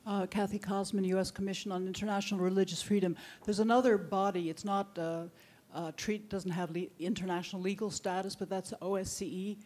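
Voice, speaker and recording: A woman's voice: mid-range voice, fairly even intonation, fairly quick, darkish tone. A woman from a religious freedom commission speaking from the audience in a conversational way, often restarting her phrases. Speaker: commission staff member in the audience.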